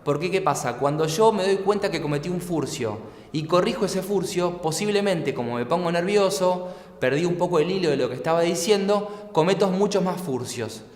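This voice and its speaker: A man with an Argentine accent teaches a lesson in a somewhat high voice, laying out each point patiently and clearly. He keeps posing rhetorical questions to his listeners. The sound is roomy, with a long echo trailing off the walls. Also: animated, moderate pace, darkish tone. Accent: Argentine Spanish. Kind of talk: explanatory lecture. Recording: echoey room with long reverb.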